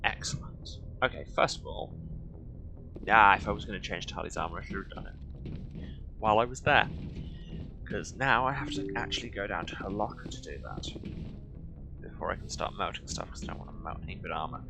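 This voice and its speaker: Over clearly audible game audio, a man with a deep voice comments on his gameplay in a wry, casual style, tossing in sarcastic remarks. He's animated and brisk but pauses often.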